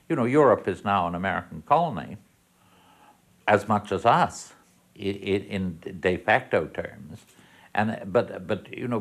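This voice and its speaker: A man speaking in an interview in a reflective, musing way, often saying "you know" and restarting his phrases. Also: lowish voice. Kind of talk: interview commentary.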